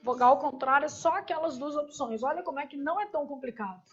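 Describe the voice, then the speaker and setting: A woman teaching a grammar lesson, drawing out each verb form slowly and quizzing the class with rhetorical questions. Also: high-pitched. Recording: dull, lo-fi lecture recording.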